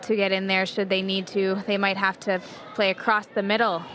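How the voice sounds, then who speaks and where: Woman giving calm analytical sports commentary. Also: mid-range voice. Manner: measured, analytical. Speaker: color commentator. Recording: noisy arena broadcast.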